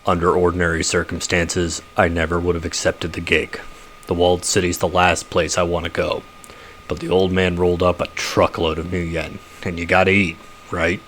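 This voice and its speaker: A man voicing a gruff, husky male troll mercenary in a game. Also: low-pitched, flat delivery, normal speed, fairly bright tone, a little hiss or hum, pitched below the performer's own voice.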